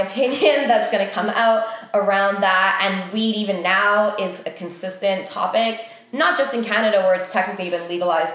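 Here a young theatre director and company co-founder is in casual conversation, musing out loud and leaning on fillers. Her voice is lowish and a little bright, captured in a very echoey space.

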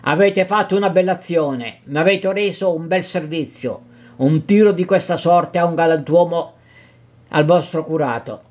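A man's voice: a little high, normal speed, close to an everyday voice. A man voicing a timid, fearful elderly village priest who pleads and stammers, in a dramatic reading of a novel. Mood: peevish scolding.

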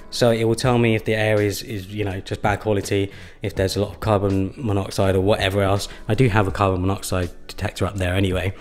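A man casually walking through his home, chatting in a relaxed way with lots of "sort of" and "you know", recorded on a handheld camera indoors. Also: fairly low pitch. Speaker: home tour vlogger. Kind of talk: casual walkthrough narration. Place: small rooms of a house, indoors.

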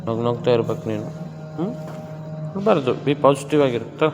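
A man's voice: medium pitch, expressive, a little fast. A man coaching a client through a gym workout, counting reps and coaxing her on. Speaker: gym trainer. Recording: echoey room with music behind.

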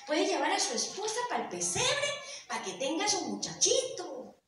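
A woman's voice: very high-pitched, huge pitch swings, moderate pace, fairly bright tone, a little hiss or hum, full character voice. A woman voicing a frightened, tearful peasant boy who pleads and stammers. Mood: pleading. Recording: very echoey, from a distance.

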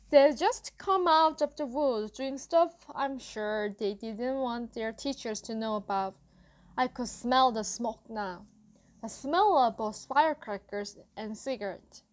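Slow high-voiced woman audiobook reader. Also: darkish tone. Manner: measured first-person storytelling. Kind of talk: scripted narration of a novel.

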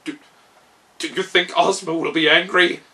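A man's voice: fairly high pitch, fairly even intonation, normal speed, pushed and bright. A man as the blustering, hot-tempered Gnome King. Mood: anxious. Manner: dramatic, blustering.

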